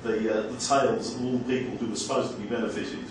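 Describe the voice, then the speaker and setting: A man, a university lecturer, making a measured, hesitant comment from the audience at a seminar in a small room. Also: mid-range voice, steady tone. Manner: measured, hesitant with many ums. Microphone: far room camera mic. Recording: echoey room from far off, background hiss.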